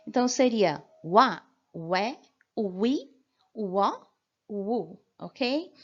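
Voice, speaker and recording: Slow, patient Brazilian woman teacher. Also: fairly high pitch, a little mellow, muffled recording. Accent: Brazilian Portuguese. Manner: patient, explanatory, checks in with "ok?" often. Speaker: English teacher. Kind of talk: beginner language lesson.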